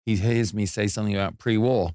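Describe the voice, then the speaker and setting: A man's voice: lowish voice, steady tone, fast, dark tone, dry recording. A man hosting a talk show in a studio, speaking in an earnest and reflective way. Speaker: show host. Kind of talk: casual interview chat.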